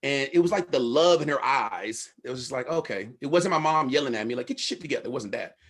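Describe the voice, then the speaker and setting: A man's voice: medium pitch, lively intonation, brisk, a bit bright. A middle-aged man from Los Angeles, a researcher speaking casually to an audience, telling candid life stories with slang and swearing.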